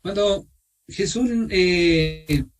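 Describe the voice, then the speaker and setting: High-voiced Chilean man leading online Bible study. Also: fairly even intonation, recorded from a distance, poor audio. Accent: Chilean Spanish. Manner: asks questions of the group, repeats himself, pauses with fillers. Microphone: video call.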